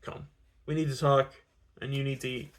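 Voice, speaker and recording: A possessive, brooding romantic lead, as a man puts him on speaks low and hushed with tight intensity. It comes across as a comic take in an amateur novel reading. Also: flat delivery, normal speed, natural voice. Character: brooding controlling rich young man.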